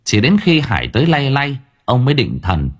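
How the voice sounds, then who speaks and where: A man narrating an audiobook in a dramatic, expressive manner. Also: mid-range voice, normal speed. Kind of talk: scripted narration.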